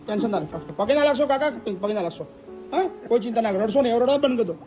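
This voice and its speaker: A man interviewing elderly residents, speaking in a calm, reassuring way and repeating comforting phrases. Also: very high-pitched, very fast, music in the background. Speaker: interviewer at an old age home. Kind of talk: casual interview.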